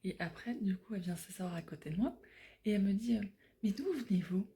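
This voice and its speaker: A woman from France talks to her viewers in a casual travel vlog. Her voice is mellow and warm, and her delivery rambles along with frequent fillers and restarts. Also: medium pitch, quick pace, slight background noise. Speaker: travel vlogger.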